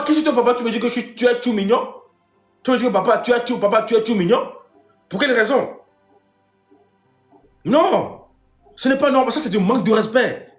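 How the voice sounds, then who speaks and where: A man hosting a comic live stream as a strict father, lecturing with emphatic repetition. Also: on the high side. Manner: lecturing, emphatic, repeats phrases. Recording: roomy echo.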